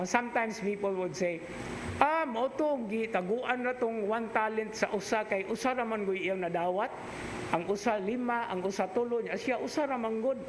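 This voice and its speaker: A middle-aged priest with a Cebuano Filipino accent giving a conversational, teacherly homily, dropping into Cebuano asides. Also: male voice, high-pitched. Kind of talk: sermon. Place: chapel altar, indoors. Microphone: stand mic at pulpit. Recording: echoey church with background hiss.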